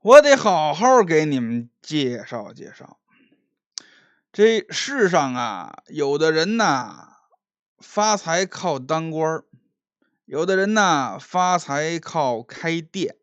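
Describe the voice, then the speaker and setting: A storyteller puts on a tipsy young gentleman, a bully who mocks and taunts with stammering, drawn-out words. His pitch swings widely and his pace drags. The sound is close and dry, as in a storybook telling. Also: very animated, dry recording, muffled recording. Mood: mocking. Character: drunk, sneering young male gentleman bully.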